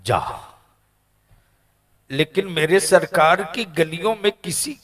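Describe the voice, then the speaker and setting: A man voicing a stern, revered old male scholar who admonishes his student in solemn, drawn-out words within a sermon. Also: high-pitched, fairly bright tone, pitched above the performer's own voice.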